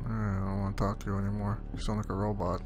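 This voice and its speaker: A man's voice: fairly low pitch, monotone, quick pace, music in the background. A man streaming a live let's-play, reacting with profane, incredulous and sarcastic running commentary. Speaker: game streamer.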